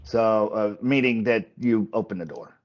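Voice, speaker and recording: Halting male game master, slightly muffled. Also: fairly low pitch. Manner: halting, repeats words while explaining. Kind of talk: improvised tabletop game narration.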